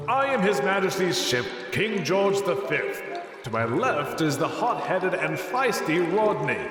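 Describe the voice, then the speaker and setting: A man voicing an exalted, genial battleship king in an animated story, in a booming, pompous regal manner. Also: a little slow, very echoey, big-room sound, far from the mic, over music. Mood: grand, regal. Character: exalted kingly male battleship spirit, grand and genial.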